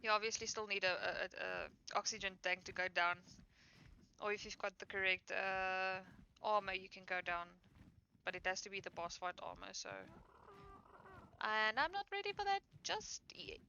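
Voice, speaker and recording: A tired woman talks through her survival game, rambling with lots of fillers and stopping to correct herself. Her voice is bright and edged with gravelly fry. The recording is dull and lo-fi, with a faint hiss underneath. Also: mid-range voice, level tone, normal speed. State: tired, yawning. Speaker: gaming streamer. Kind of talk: casual gameplay commentary. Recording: dull lo-fi mic with faint noise.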